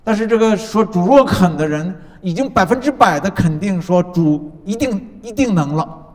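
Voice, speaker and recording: A man preaching a sermon as pastor, building points through rhythmic repetition and dropping from loud declarations to soft, low asides. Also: animated, moderate pace. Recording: long reverb of a large hall.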